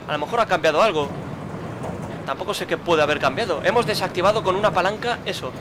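Talking quickly in a high-pitched voice, a man narrates his own let's play, muttering, grumbling, and cursing at the game in frustration. Background noise is audible.

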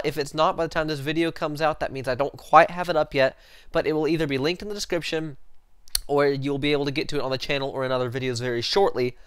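Recorded on a headset mic in a small room with a sports-print backdrop, a young man with a head cold rambles through casual football commentary on his channel, correcting himself and using lots of fillers. His fairly high voice is slightly nasal, a bit bright and smooth, in studio-quality sound with no echo.

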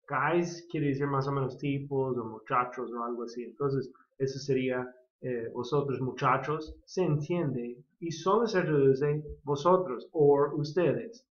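An American man from California, a native English speaker, teaching an English grammar lesson in Spanish, patiently repeating model sentences. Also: medium pitch. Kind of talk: slow bilingual grammar lesson. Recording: echoey, dull lo-fi sound.

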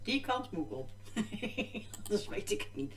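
Talking fast and very animated, this woman has a medium-pitched voice. She's a gaming vlogger giving chatty, distracted commentary with plenty of exclamations, recorded from a distance by a desk mic set off to the side in an echoey room.

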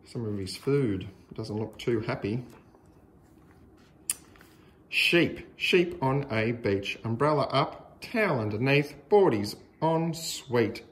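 Reading a picture book to young children, this Australian man uses a sing-song, deliberate delivery with exaggerated stress on words. His pitch is medium.

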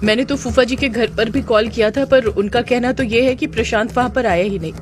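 A woman's voice: a little high, fairly quick, close to an everyday voice. A woman voicing a distraught young wife who cries and pleads as she searches for her missing husband. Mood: tearful, anxious. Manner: pleading, anxious. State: crying. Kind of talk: audio drama narration. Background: background music.

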